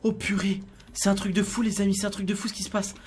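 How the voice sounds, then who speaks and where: A young man giving live gameplay commentary in a roleplay, playing a father. He keeps talking to his viewers and swings from hushed whispers to loud, excited shouting. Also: high voice, fast, a little hiss or hum. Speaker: gaming YouTuber playing a father in Minecraft roleplay.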